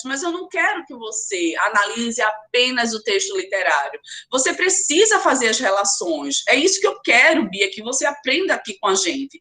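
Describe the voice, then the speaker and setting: A woman's voice: sits high, sharp tone. A woman with a Brazilian accent teaching a literature class online, urging her students on and calling them by name. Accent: Brazilian Portuguese. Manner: emphatic, urging, talks straight to students by name. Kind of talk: live online class lecture.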